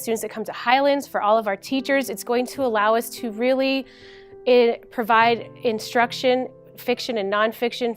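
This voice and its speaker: A woman teacher speaks quickly and enthusiastically in a higher, bright voice. Soft music sits underneath. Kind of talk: interview testimonial.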